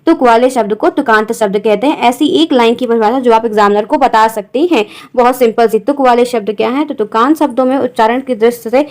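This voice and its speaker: A woman teaching an exam-prep lesson, going through questions step by step and often asking whether everything is clear. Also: fairly high pitch, a little fast, few pauses, a little mellow.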